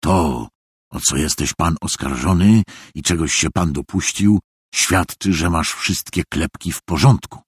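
A cruel, pompous police official, as a man reading aloud puts him on, speaking in a lower, gruff, domineering voice. It is husky and dry, recorded close. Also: unhurried, dry recording, full character voice. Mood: stern.

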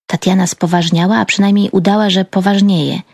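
A woman reading an audiobook aloud in measured scripted narration. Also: mid-range voice, steady tone, vocal fry, darkish tone, breathy edge, no echo.

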